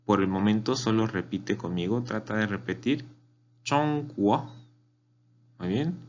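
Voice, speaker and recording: Man, language teacher, very low voice, slow and patient, dull recording with faint hum. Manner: patient, repeats words for learners. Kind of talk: slow spoken language lesson.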